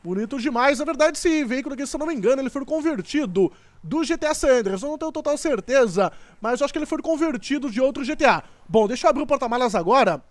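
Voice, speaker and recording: A man giving excitable, exclamatory gameplay commentary as a gaming video host. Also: very high-pitched, fast talker, dry recording. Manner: excitable, exclamatory, repeats "top" and "ó". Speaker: gaming YouTuber.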